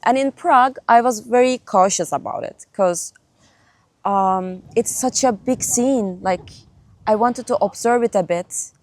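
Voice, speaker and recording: A young Turkish woman, a native Turkish speaker with a fairly high voice, chats as a guest musician in a casual interview. She laughs often and pauses with fillers.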